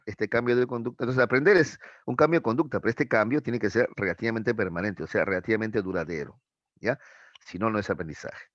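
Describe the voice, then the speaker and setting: A man's voice: on the low side, dry recording. Male teacher, patient explainer, constant check-ins, dull dry recording. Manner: explains with examples, keeps checking with a tag question. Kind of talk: live online class lecture. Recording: dull, muffled dry sound.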